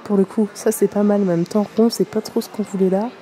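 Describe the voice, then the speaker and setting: A woman's voice: medium pitch, steady tone, fairly quick, dark tone, soft background music. A young woman chatting casually to camera as a lifestyle vlogger, rambling and thinking aloud to her viewers. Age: young adult. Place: home living room, car and furniture store.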